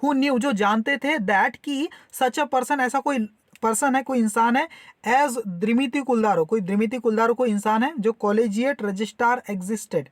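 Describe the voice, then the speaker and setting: A woman's voice: fairly high pitch, unhurried, no room sound, clean studio sound. A woman teacher explaining a story line by line, repeating herself and checking that students follow. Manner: repeats and checks understanding with tag questions. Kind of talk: explaining an English story lesson.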